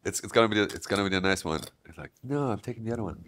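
A man's voice: lowish voice, expressive, very fast, a bit bright. A man co-hosting and playing a studio quiz, joking and mocking himself. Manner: jokey, self-mocking. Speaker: co-host and quiz contestant. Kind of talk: casual quiz game chat.

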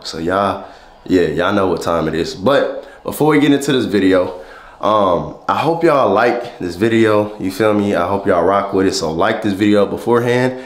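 Holding a camera at arm's length, a young man with a stuffy nose and fairly low pitch talks in relaxed slang and throws out hyped greetings as a vlogger. The audio has a roomy sound, recorded first in a small indoor room and later in a large electronics store.

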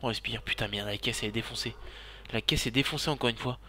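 A man's voice: medium pitch, quick pace, slight background noise. A man giving frantic in-character commentary while playing a driving game, swearing and repeating his exclamations. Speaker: gaming YouTuber role-playing his character. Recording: loud car and siren game sounds behind. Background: car engines and police sirens from the game.

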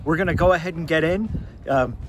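A man's voice: on the high side, fairly quick, rough recording. A man in his forties hosting a casual travel review vlog, talking to a phone camera at arm's length outside, with upbeat, emphatic verdicts. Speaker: vlog host. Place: outdoors in a parking lot. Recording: outdoor noise.

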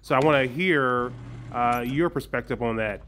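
A man's voice: mid-range voice, normal speed, fairly bright tone, slight background noise. A man, a young adult, chatting casually to his viewers in a rambling, hesitant way with frequent chuckles. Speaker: vlogger.

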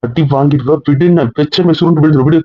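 Fast-talking scolding young man. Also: on the high side, fairly even intonation, no echo. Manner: scolding, teasing, rapid-fire questions. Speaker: husband in a couple vlog skit. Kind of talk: casual couple banter. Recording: dull, dry lo-fi audio.

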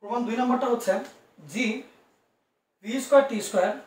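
A man's voice: extremely high pitch, fast, roomy sound, recorded from a distance. A man teaching physics in an online class, reassuring his students and coaxing answers out of them with many asides.

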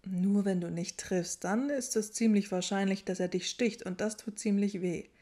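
A woman's voice: medium pitch, moderate pace, warm tone, lightly acted. A woman voicing a casual, chatty young wizard who explains eagerly and gets a bit baffled. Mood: explaining, puzzled.

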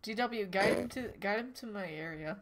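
A woman's voice: mid-range voice, moderate pace. A young woman gaming online, giving a giggly, teasing running commentary to her friends over a headset mic. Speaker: gamer, channel host. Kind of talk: casual gaming chat.

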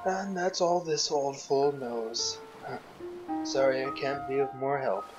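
A frail old man in a story game murmurs softly and slowly, as a man puts him on with his ordinary mid-pitched voice. His words sound wistful and tired. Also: fairly even intonation, lo-fi sound, music in the background, natural voice. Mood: hushed, wistful. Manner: quiet, slow, hushed.

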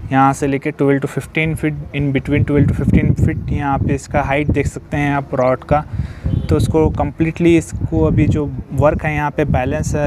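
The recording is very noisy, carrying a fairly high-pitched male voice. He's a vlogger walking an outdoor construction site with his phone, repeatedly explaining the work and using English technical terms.

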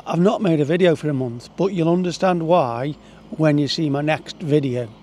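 A man vlogs outdoors with a tractor rumbling in the background. His voice sits a little high for a man, and he chats casually and haltingly into a lapel mic. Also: darkish tone. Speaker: hobby photography vlogger. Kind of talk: casual vlog talk to camera. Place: outdoors in gardens. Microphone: lapel mic with furry windshield. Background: tractor engine rumble.

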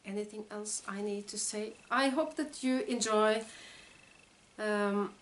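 In her living room, a Norwegian-accented woman in her forties chats casually to the camera for her knitting vlog. Her voice is medium-pitched with fairly even intonation, and she speaks slowly, hesitating and often searching for words.

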